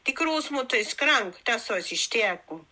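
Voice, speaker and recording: A woman's voice: a little high, lively intonation, normal speed, sharp tone. A woman voicing a trusting, carefree little girl in a fairy tale, speaking innocently.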